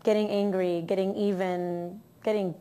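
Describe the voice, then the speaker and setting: A woman's voice: mid-range voice, little pitch movement, moderate pace, dark tone, clean tone. A woman with a Miami accent, chatting upbeat as an actress guest in an interview. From Miami, Florida, USA. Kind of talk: casual interview chat.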